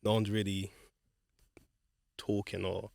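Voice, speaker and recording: A young man in his twenties, a podcast guest speaking softly and casually with some slang. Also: lowish voice, little pitch movement, slow pace, creaky, no room sound. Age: 20s. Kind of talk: casual group chat.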